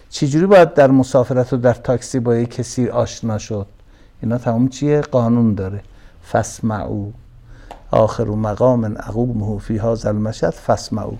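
Mellow-voiced preacher explaining verses. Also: male voice, mid-range voice. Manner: explains Arabic verses word by word; repeats key words, rises for emphasis. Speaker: cleric. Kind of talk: sermon.

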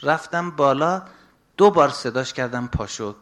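A middle-aged man preaching a religious sermon, moving between soft, confiding asides and raised, urgent exhortation. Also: mid-range voice, lively intonation.

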